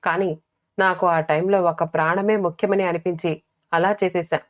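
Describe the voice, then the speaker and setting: A woman's voice: lowish voice, steady tone, normal speed, natural voice. A woman voicing an earnest young younger sister explaining herself to her family.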